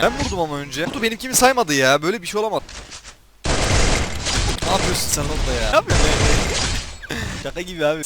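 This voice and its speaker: A young man commentating his own game live, excitable and teasing, laughing often, with loud gunfire behind him. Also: a little high, heavy background noise. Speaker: gaming streamer.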